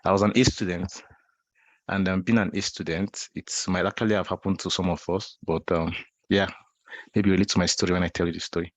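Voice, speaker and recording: Over a low-quality video call recording with no room sound, a Nigerian man in his twenties talks briskly in a low voice with fairly even intonation. He's a guest speaker at an online talk, sharing a personal story in a chatty way and frequently repeating or restarting phrases.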